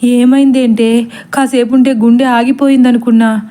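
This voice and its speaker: A woman's voice: a little high, level tone, moderate pace, dark tone, close to an everyday voice. A woman voicing a frightened older grandmother who scolds her maid in a panicky way.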